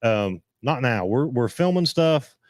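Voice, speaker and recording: A man hosting a casual live-stream chat, rambling and halting as he restarts his sentences. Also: mid-range voice, expressive, darkish tone, dry recording, clean studio sound. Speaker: host.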